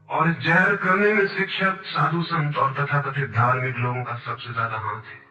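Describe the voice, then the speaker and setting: A man's voice: high voice, pushed and bright. A man giving an emphatic, rhetorical spiritual discourse, building his points through repetition. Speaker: spiritual teacher. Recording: echoey, distant, with faint music.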